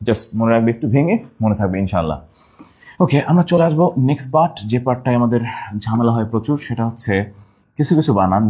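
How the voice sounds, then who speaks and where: A man teaching English spelling in an online class for admission exams, repeating each word slowly, syllable by syllable. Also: medium pitch, mellow, husky, highs cut off.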